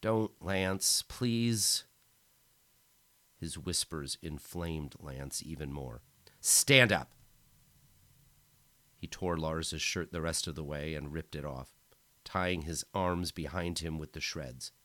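Male audiobook narrator, deep voice, unhurried measured delivery. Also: fairly even intonation, fairly bright tone, no echo. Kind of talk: scripted narration of a novel.

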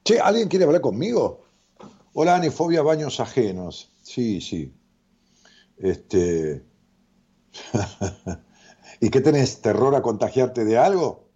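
Un hombre con acento rioplatense que conduce una transmisión en vivo como psicólogo, lee comentarios de su audiencia y charla de forma relajada, con muchas muletillas y divagaciones. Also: male voice, mid-range voice, slow pace, long pauses, husky. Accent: Rioplatense Spanish. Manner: animated, rambling, jokey, with many fillers. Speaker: psychologist hosting a live stream. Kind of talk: casual live-stream chat reading viewer comments. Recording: dull lo-fi stream audio.

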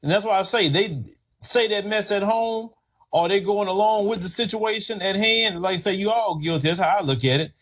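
Fairly high-voiced man, opinionated podcast host, animated. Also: normal speed. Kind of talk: casual commentary podcast.

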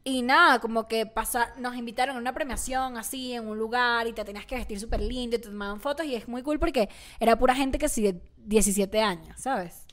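A woman co-hosting a casual chat, telling animated stories full of slang and English words. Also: a little high, a little fast, a little hiss or hum. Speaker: podcast co-host.

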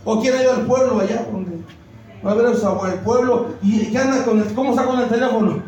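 A pastor preaches in a strikingly high voice, firing questions at the congregation and rising to shouts. His sermon rings through a very echoey church hall. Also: fast, far from the mic, dull audio. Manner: preaches with call-and-response questions, often shouting. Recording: heavy echo of a church hall.

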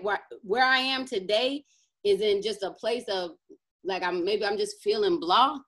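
A woman pastor with a fairly bright, high-leaning voice leads an online session, teaching informally before moving into spoken prayer. She is emphatic, keeps asking "right?" to check in with listeners, and prays fervently.

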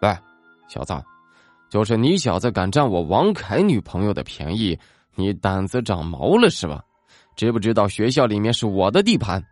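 A man's voice: fairly low pitch, very animated, normal speed, a little mellow, no room sound, faint music behind. A man playing an arrogant, hot-tempered school bully who blusters and threatens. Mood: menacing.

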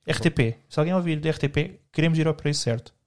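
A man's voice: fairly high pitch, fast talker, darkish tone. A young man with a European Portuguese accent, co-hosting a podcast in rambling, joking casual chat full of slang. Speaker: podcast co-host.

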